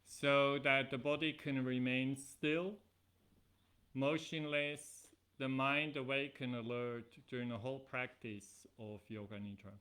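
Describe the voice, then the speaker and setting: Guiding a yoga nidra relaxation, this middle-aged man speaks in slow, deliberate phrases with pauses between them. His voice is medium in pitch, his delivery flat, and his tone fairly bright.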